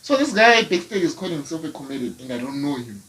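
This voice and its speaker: Man, South African accent, higher-pitched, casual comedian's anecdotes, animated, slangy, Nguni-English mix. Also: fast, noisy background. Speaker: comedian and ventriloquist, guest. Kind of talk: casual comic storytelling.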